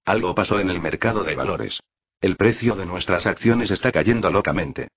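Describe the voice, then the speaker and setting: A man voicing a hurried young male assistant in a suit reporting urgent bad news. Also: low-pitched, a bit bright, slightly rough, lo-fi sound.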